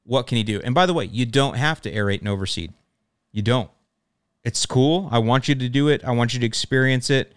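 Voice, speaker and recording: A man's voice: mid-range voice, fairly quick, clean tone, dry recording, clean studio sound. A man hosting a how-to show, giving casual advice with emphatic, pushy enthusiasm. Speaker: host of a lawn care show.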